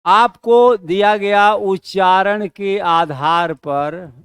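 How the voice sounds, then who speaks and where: A man teaching a classroom lesson, asking rhetorical questions and answering them himself, slowing down to stress key terms. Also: high-pitched, steady tone, a bit bright, clear, resonant tone, no echo, studio quality.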